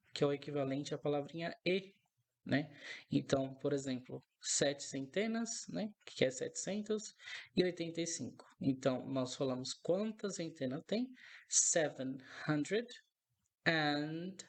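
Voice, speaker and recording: Guy teaching a lesson, gravelly voice, goes slow and says every example a few times. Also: a little high. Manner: patient, repeats each example several times; explains step by step, often checks in with "né?". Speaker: English teacher. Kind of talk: recorded language lesson.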